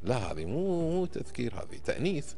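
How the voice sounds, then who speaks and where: A podcast guest in his fifties with a Kuwaiti Gulf Arabic accent speaks fast in a sing-song, medium-pitched voice that's warm in tone and touched with vocal fry. He teaches emphatically, frequently checking that he's being followed. Faint music plays behind him in the indoor studio, where a close boom-arm microphone picks him up.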